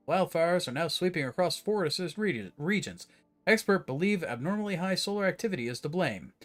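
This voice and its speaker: A man voicing a male emergency radio announcer in a horror game, reading in a flat, formal way. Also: high voice, voice pushed up.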